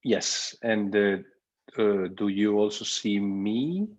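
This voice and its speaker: A man who is a professor, speaking haltingly on a video call as he searches for words. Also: on the low side, a little mellow. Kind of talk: academic talk on a video call.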